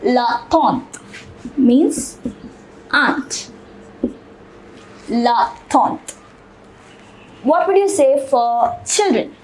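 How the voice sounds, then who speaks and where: Woman, high voice, slow deliberate pace, patient language teacher, repeats words for learners. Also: lively intonation, a little hiss or hum, rough recording. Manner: patient, repeats each word several times. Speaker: French teacher. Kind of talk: slow classroom-style language lesson.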